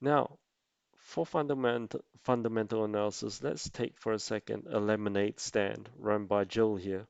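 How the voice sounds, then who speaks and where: A man narrating an explanatory tutorial as an amateur presenter, speaking haltingly in short phrases. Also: lowish voice, steady tone, creaky, clean tone, no echo, muffled recording. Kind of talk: explanatory investing tutorial voice-over.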